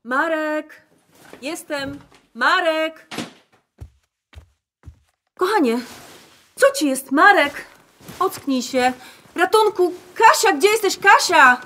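A woman's voice: sits high, drawn-out words, pauses often, sharp tone, heavily acted. An actress playing a shocked middle-aged mother in a radio drama, pleading and tearful. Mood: panicked. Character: shocked mother and wife, desperate and protective.

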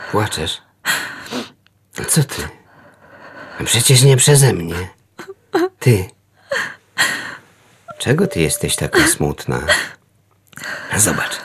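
A man voicing a vain, lofty old male house cat who talks in a mock-philosophical way, with a gravelly, husky voice. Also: on the low side, very animated, drawn-out words, pauses often, exaggerated voice. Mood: coaxing.

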